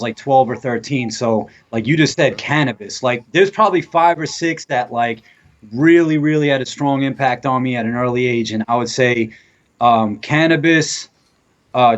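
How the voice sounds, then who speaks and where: A man in his thirties, a guest in a casual chat, talking in a measured way with a lot of fillers. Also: medium pitch, muffled recording. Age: 30s. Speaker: guest rapper.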